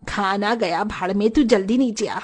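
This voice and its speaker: A woman voicing a short-tempered, strict older landlady in an animated story, scolding and shouting. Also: medium pitch, normal speed, slightly rough, natural voice. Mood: angry scolding.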